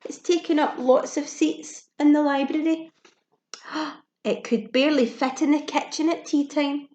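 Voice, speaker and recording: Speaking a little slowly in a high register, she reads a picture book to kids like a teacher, with plain, lively delivery, audible gasps, and questions and side comments for the little ones. The room echoes noticeably.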